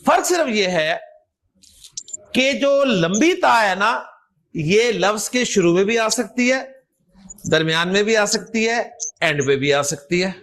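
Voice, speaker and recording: A male Arabic grammar teacher with a Pakistani Urdu accent and a strikingly high voice. He explains patiently, repeats each example and keeps asking the class whether they follow. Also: expressive, pauses often, a bit bright. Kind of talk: recorded grammar lecture.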